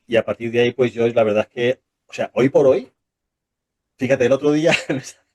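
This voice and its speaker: A man speaks quickly in a casual interview, his voice dark and mellow. He keeps doubling back with restarts and firing off rhetorical questions, animated the whole way. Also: mid-range voice. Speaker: interview guest, former church member.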